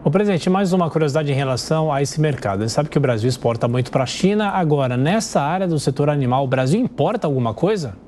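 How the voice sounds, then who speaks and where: Brisk fast-talking male news anchor. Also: fairly high pitch, animated, darkish tone, slight background noise. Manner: brisk, courteous.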